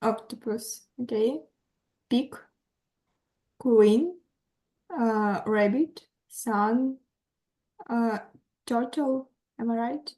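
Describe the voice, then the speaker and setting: A woman's voice: fairly high pitch, very slow, long pauses, mellow. A woman student in an online English class, hesitantly reading words aloud and checking whether she is right. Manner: hesitant, unsure.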